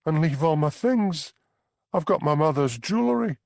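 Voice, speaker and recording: A man reads an audiobook at normal speed, animated, with vocal fry and a darkish tone, voicing an anxious young crofter's wife who is trapped in an unhappy marriage and tearful. His take on her is plaintive, pleading and high-pitched. There's no room sound.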